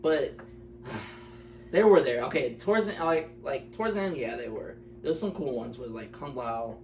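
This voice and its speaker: Medium in pitch and darkish in tone, his animated voice moves at a normal speed. As co-host of an easygoing film review conversation, he speaks casually, holds firm opinions, and repeats points for emphasis. Captured on a faraway mic in a roomy space with faint noise.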